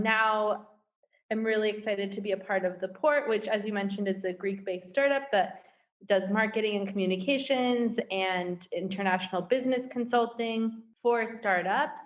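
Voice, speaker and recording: A woman's voice: medium pitch, dull audio. A woman from the United States, chatty and upbeat, laughing easily as a guest in a casual video-call interview.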